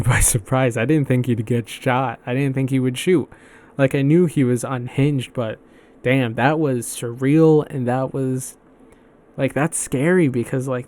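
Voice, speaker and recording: A man talks through a solo podcast in a loose, rambling way. He swears freely and stumbles through restarts. His voice sits at an ordinary middle pitch. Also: a little mellow. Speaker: podcast host. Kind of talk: casual solo podcast chat.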